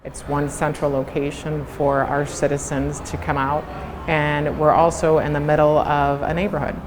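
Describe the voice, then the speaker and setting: A woman gives an on-location interview in a lowish voice with very flat intonation. Clear background noise from the site sits behind her. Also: moderate pace. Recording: clearly noisy event location.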